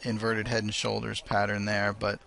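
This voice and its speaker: Gravelly American man hosting market radio. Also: fairly low pitch, completely flat delivery, normal speed, pushed and bright. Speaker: online trading radio host. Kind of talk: casual live market commentary.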